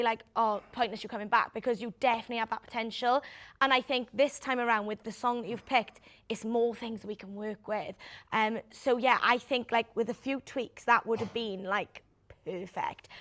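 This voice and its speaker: A woman judging a talent show, giving conversational feedback that is candid but supportive. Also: fairly high pitch.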